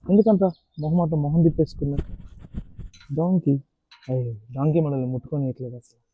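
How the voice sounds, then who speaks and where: A man's voice: a little high, brisk, phone-quality sound. A man vlogging casually at an outdoor animal park, chatting playfully to the animals. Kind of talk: casual vlog narration.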